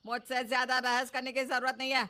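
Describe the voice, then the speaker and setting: A woman's voice: sits high, monotone, a little fast, smooth. A woman voicing a stubborn, scolding old mother-in-law in a cartoon story. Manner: scolding, sharp retorts. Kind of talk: cartoon dub.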